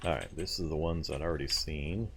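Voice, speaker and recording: A man's voice: extremely low pitch, fairly quick, fairly bright tone, slight background noise. A man streaming a video game live, thinking aloud as he loots, explaining game mechanics and chatting back to viewers with easy laughs. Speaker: let's play streamer.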